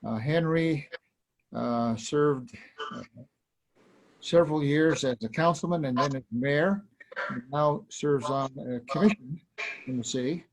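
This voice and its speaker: A man's voice: mid-range voice, unhurried, long pauses, noisy background. A man moderating a panel, introducing the next speaker casually with lots of fillers.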